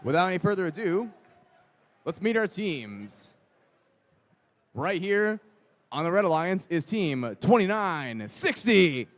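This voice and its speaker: A male event announcer introduces competitors with a showman's punch. His voice sits high and moves widely in pitch. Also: sing-song, slow pace, pauses often. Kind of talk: scripted live team introductions.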